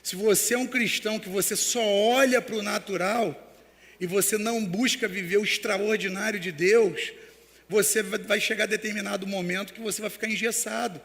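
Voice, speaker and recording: A man's voice: high-pitched, steady tone, moderate pace, a bit bright, big-room sound. A man preaching a sermon as pastor, telling stories with many restarts. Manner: storytelling with acted quotes and many restarts.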